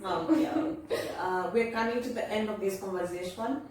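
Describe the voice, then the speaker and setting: A woman hosts a casual interview in an encouraging, chatty manner, often speaking straight to viewers. Her mid-pitched voice sits away from the mic in a heavily echoing space, with faint noise. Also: moderate pace, a little mellow. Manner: addresses viewers directly, encouraging. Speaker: interviewer, host. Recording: echoey room, distant mic, faint noise.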